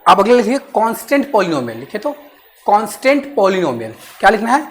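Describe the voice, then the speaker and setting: A woman teaching maths in class. She keeps checking that students understand and repeats phrases slowly while dictating. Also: medium pitch, big pitch swings.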